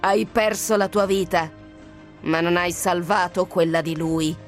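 Donna che interpreta la Strega Bianca, beffarda e lenta. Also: female voice, on the low side, steady tone, a little slow, faint music behind, natural voice. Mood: gloating. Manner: mocking, venomous, triumphant. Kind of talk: radio drama reading.

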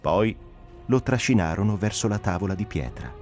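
Male audiobook narrator, low and very lively delivery, faint music bed. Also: moderate pace. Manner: expressive, rising and falling with the drama. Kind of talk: dramatic audiobook reading.

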